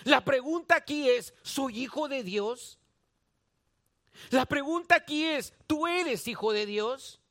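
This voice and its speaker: A man's voice: very high voice, a bit bright. A man with a Guatemalan Spanish accent preaching a sermon, repeating phrases for emphasis and asking his listeners direct questions. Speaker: pastor.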